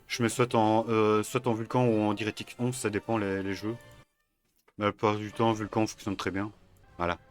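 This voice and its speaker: Male tutorial host; low, hesitant, casual, faint music. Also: level tone, normal speed. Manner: hesitant, many fillers and self-corrections. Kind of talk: casual screen-recorded tutorial.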